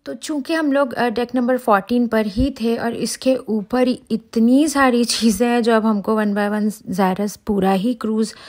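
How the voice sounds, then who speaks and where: A woman's voice: a little high, unhurried, hardly any pauses. Chatty woman vlogging on a ship deck. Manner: chatty, excited, talks to viewers directly. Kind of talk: casual travel vlog narration. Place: outdoors on a cruise ship deck.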